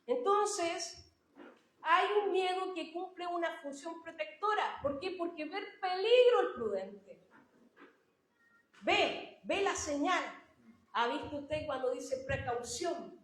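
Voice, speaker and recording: A woman's voice: very high voice, lively intonation, slow pace, roomy sound, low-quality recording. A woman preaching a sermon in a church, talking to her listeners in a conversational way and stressing points by repeating them. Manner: warm conversational preaching, addressing listeners as brothers, emphatic repetitions.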